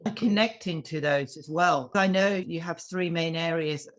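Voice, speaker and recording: A woman's voice: on the low side, normal speed. A woman hosting a podcast interview, speaking in a friendly, encouraging way with brief affirmations. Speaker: podcast host.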